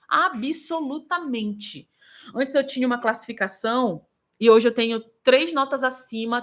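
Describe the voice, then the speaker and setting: A woman vocal coach in Brazil, teaching a live singing lesson and answering viewers by name. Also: a little high. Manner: lively, demonstrative, breaks into vocal examples.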